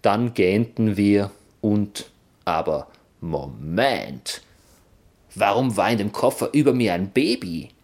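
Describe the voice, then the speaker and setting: A man reading a children's adventure story aloud in first person, with expressive, playful delivery. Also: on the low side, measured pace, few pauses. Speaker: narrator.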